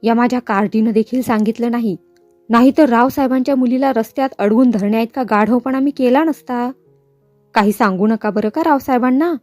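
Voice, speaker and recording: A miserly, short-tempered middle-aged shopkeeper, read by a woman in an audiobook, blustering and scolding. The voice sits high and sounds dry and close. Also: brisk, darkish tone, dry recording, soft background music, lightly acted. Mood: fawning. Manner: blustering, scolding, then fawning.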